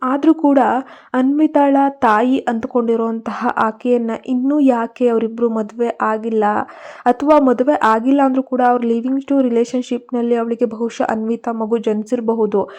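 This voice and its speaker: A woman narrates a story in a steady, earnest reading. Her voice is mellow and fairly high but quite flat in pitch, and the recording is dull and lo-fi. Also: normal speed.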